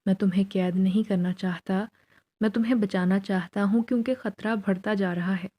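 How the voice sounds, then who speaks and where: A woman's voice: medium pitch, fairly even intonation, mellow, lightly acted. A woman voicing a young male jinn who pleads his love in a spoken horror story. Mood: earnest.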